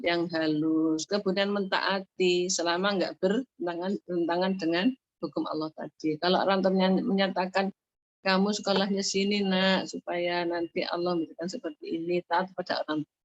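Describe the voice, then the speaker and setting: A woman's voice: lowish voice, dry recording. A woman giving an online sermon as a religious teacher, explaining her points patiently and rephrasing them often. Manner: explanatory, repeats and rephrases points, frequent fillers. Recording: dull muffled lo-fi audio.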